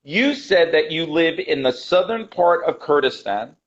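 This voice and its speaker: A male guest teacher with a somewhat high voice, explaining things in an interview. He is deliberate and emphatic, often repeating a phrase to drive it home. The call audio is slightly dull and lo-fi. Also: expressive. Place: remote call.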